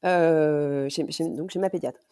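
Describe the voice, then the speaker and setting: A woman's voice: deep voice, fairly even intonation, measured pace, dark tone, smooth. A woman in her thirties, a mother recounting events as a podcast guest, in a hesitant way with many fillers and restarts. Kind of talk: casual storytelling interview.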